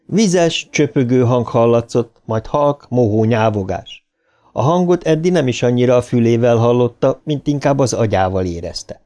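A man narrates a horror novel in a steady, mid-pitched voice. His delivery is scripted and dramatic, rising in pitch when the action turns tense. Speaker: audiobook narrator.

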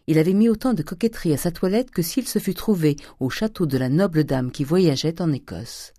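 Casting: woman narrator for a classic audiobook, low, mellow, measured delivery. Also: no echo, studio quality. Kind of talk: scripted narration.

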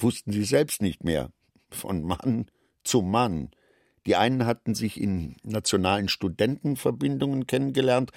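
A man narrating a radio drama in a slow, expressive reading. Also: on the low side, no room sound, clean studio sound.

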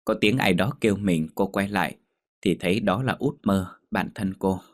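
Low-voiced male storyteller. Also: normal speed, no echo, studio quality. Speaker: narrator. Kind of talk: ghost story reading.

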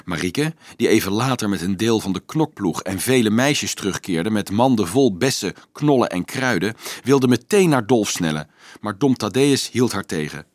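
A man reads a novel aloud in a measured, even storytelling manner. His voice sits fairly low, and the close studio recording is dry, with no room sound. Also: no echo. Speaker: narrator. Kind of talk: audiobook narration.

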